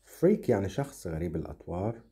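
A man with an Egyptian Arabic accent teaching short English lessons, saying English words slowly one at a time and explaining them in quick Arabic asides. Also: sits low, big pitch swings, dark tone.

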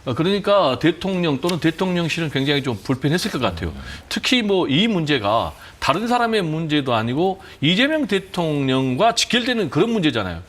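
A man giving measured political commentary on a broadcast, hedging with frequent fillers. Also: a little high, very animated, a bit bright.

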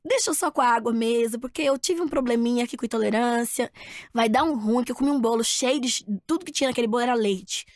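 A Brazilian woman chatting as a podcast guest, telling an animated story and acting out what people said. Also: on the high side, fast talker, no room sound, studio quality. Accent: Brazilian Portuguese. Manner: animated storyteller, acts out quotes. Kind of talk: casual chat.

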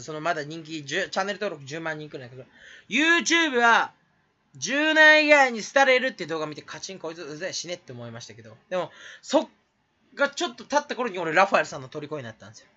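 Male YouTuber, rambling self-mocking rant, high and very animated, quick talker, bright tone, lo-fi recording. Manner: rambling, self-mocking, bursts into shrill imitated laughs. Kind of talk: casual solo rant to camera.

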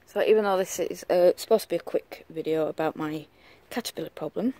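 A garden vlogger talking casually outdoors in a home vegetable garden. The speaker is unhurried and hesitant, with many ums, and records on a handheld camera while filming the plants. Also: mid-range voice, warm tone.

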